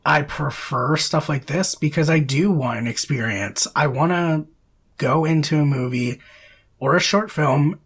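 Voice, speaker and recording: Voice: mid-range voice, a little slow, breathy edge. A podcast co-host chatting casually about films, rambling with lots of fillers and self-corrections. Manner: laughs often between phrases.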